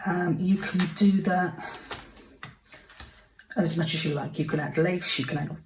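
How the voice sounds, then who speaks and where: A woman's voice: on the low side, steady tone, unhurried, background noise. A woman talking through a casual crafting tutorial at her home desk, chatty and apologetic, sometimes dropping to a half-whisper. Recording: roomy, mic set far off, kitchen clatter behind.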